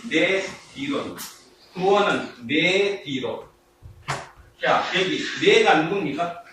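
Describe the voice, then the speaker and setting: With an animated voice that jumps up and down, this pastor peppers his listeners with rhetorical questions during his sermon, slowly stretching important words and bursting into laughs and shouts. He's picked up from a distance in a booming, echoey, noisy church sanctuary.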